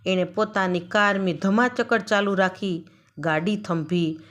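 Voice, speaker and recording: A woman reading a story aloud in a steady, expressive storytelling narration. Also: mid-range voice, measured pace.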